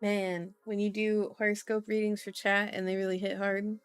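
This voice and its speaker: On a casual livestream, a woman who reads tarot and horoscopes chats and muses aloud while reading out cards, often drawing out her words. Her medium-pitched voice is clear and resonant, with a level tone and normal speed. There's no echo, just faint music behind her.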